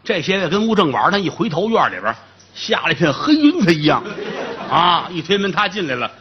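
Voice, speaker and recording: Lively male storyteller with a lilt. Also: high voice, quick pace, muffled recording, a little hiss or hum. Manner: lively, colloquial, comic asides. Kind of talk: traditional comic storytelling.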